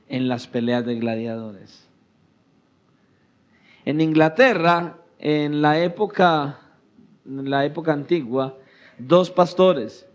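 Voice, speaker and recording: A male pastor preaching a sermon, rising to shouted peaks and dropping to hushed, low phrases. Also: dull audio.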